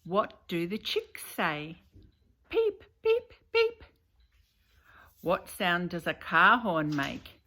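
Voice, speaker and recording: A woman's voice: fairly low pitch, takes it slowly, bright, forceful tone. An older woman reading a picture book of sounds aloud to a grandchild, playfully imitating animals and noises.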